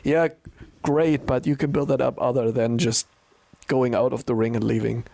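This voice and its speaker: A man's voice: medium pitch, fairly even intonation, normal speed, creaky, warm tone, no room sound. A man co-hosting a casual podcast, hesitant and stumbling over repeated words. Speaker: podcast co-host. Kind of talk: casual chat.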